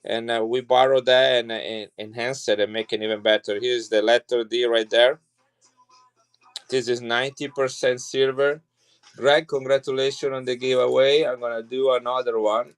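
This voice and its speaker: In clean, mid-range tones and at a normal pace, an Italian coin seller keeps up steady, chatty talk on his live stream. He rambles and restarts often as he makes his casual pitch.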